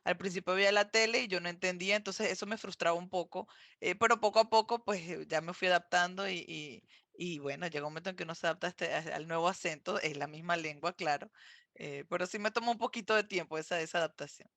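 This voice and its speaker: A man's voice: high-pitched, fast talker, pushed and bright, dry recording. A man co-hosting a podcast, speaking hesitantly with many fillers and repeated words. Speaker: podcast co-host, immigrant in Montreal. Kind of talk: casual podcast chat.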